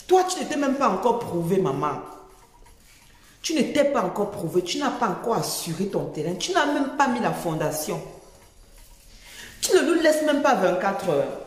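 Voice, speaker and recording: A woman's voice: medium pitch, sing-song, normal speed, pauses often. A woman with a Cameroonian accent giving informal online commentary in a scolding, mocking manner, often repeating phrases for emphasis. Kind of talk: informal spoken commentary video. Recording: very echoey, long reverb.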